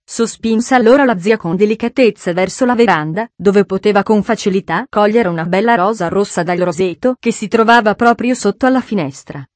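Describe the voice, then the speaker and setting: A woman narrating an audiobook in a measured, expressive storytelling voice. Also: mid-range voice, dry recording.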